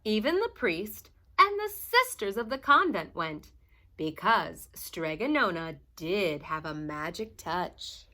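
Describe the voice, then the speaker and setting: A woman's voice: on the low side, big pitch swings, slow pace, sharp tone. A woman reading a children's story aloud like a teacher, expressively and with dramatic emphasis. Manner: dramatic emphasis, asks listeners questions.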